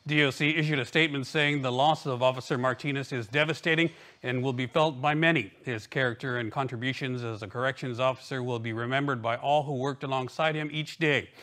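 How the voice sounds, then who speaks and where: A man's voice: mid-range voice, fairly even intonation, a little fast, a bit bright. A man reading scripted local television news as an anchor.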